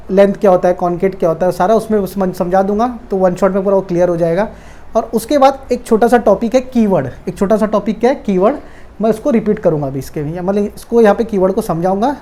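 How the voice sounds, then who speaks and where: A man's voice: high voice, mellow. A man teaching a casual coding lesson, who keeps asking and answering his own questions and repeats the key words. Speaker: programming tutor.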